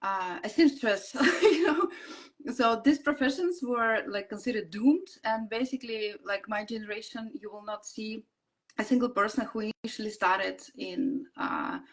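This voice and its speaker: A woman in her forties with a Russian accent, a guest chatting on a video call, full of fillers and quick laughs. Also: a little high, animated. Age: 40s. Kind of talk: casual interview chat.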